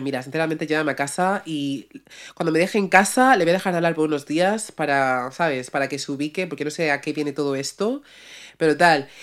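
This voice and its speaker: Woman podcaster rambling through a story, slangy, tosses in english words here and there. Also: on the low side. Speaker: podcast host. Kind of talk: casual storytelling.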